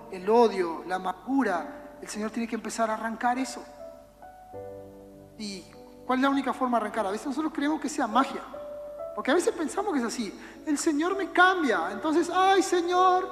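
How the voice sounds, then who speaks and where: A youth preacher with a Uruguayan Spanish accent gives a relaxed, conversational sermon to young people, slipping into quick acted-out everyday scenes. Her high voice rings through an echoey church hall, with music playing clearly underneath.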